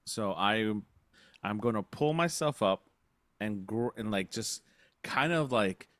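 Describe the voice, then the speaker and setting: A man rambles casually through his turn in a tabletop game, packing his talk with fillers. His voice is bright and forward. The sound is dry and close. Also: lowish voice, animated, takes it slowly, no echo. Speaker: player.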